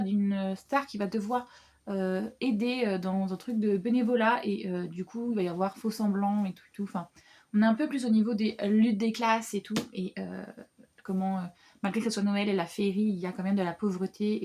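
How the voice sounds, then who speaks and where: A woman's voice: medium pitch, a little mellow. A young woman chatting casually about her reading plans as a book vlogger, with many fillers and restarts. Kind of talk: casual book haul chat.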